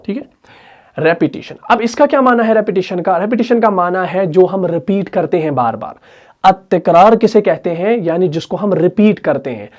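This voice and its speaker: Man teaching Quran recitation rules. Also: high-pitched. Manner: explains slowly, asks and answers his own questions; recites Quranic verses in drawn-out chant. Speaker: tajweed teacher. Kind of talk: online Quran recitation lesson.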